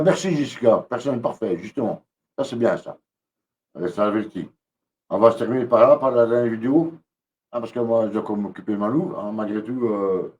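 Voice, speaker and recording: A man's voice: medium pitch, darkish tone, far from the mic. A man ranting angrily on a live stream, repeating himself and hesitating often. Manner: agitated, repetitive, many hesitations. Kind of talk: angry live-stream rant.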